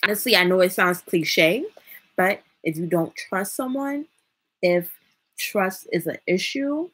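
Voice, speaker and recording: A woman's voice: on the low side, unhurried, fairly bright tone, slightly rough. A woman live streaming and giving relationship and parenting advice in a casual, rambling way. She talks with a slight lisp from braces and thinks aloud between points.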